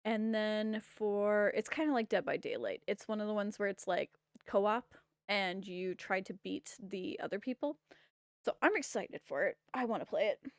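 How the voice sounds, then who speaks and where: A woman's voice: medium pitch, normal speed, dry recording, studio quality. A woman game streamer wrapping up her stream, bubbly, enthusiastic and rambling at a desk mic. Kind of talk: casual stream wrap-up chat.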